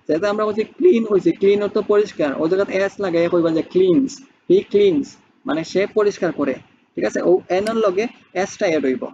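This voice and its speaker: A man's voice: sits high, fast, mellow, muffled recording, a little hiss or hum. A man teaching spoken English, who explains step by step and keeps asking rhetorical questions.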